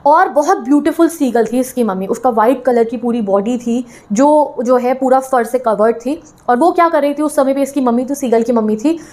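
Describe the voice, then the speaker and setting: A woman with a high voice teaches a story lesson. She reads each English line slowly, then explains it in a lively mix of Hindi and English, playing out the characters' thoughts. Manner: lively, acts out the bird's thoughts. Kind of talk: explaining a textbook story to students.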